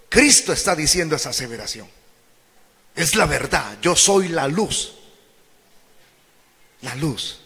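A high, bright male voice preaching with lively, wide-ranging pitch. He swings from shouted declarations to low, drawn-out phrases in a sermon to his church. The sound rings with long reverb from a large hall. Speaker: pastor.

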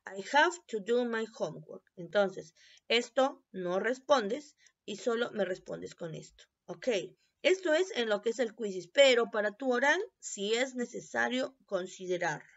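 A woman teacher giving a recorded review lesson, explaining in Spanish and repeating English phrases slowly for pronunciation. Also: a little high, animated. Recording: dull lo-fi recording.

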